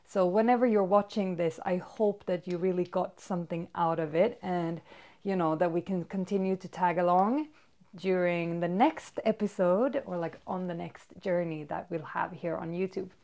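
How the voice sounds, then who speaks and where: A Swedish woman in her thirties, a fitness vlogger, chats casually and upbeat to a distant camera in a bedroom full of toys, using lots of fillers. Her voice is lowish, warm and steady, at a normal speed.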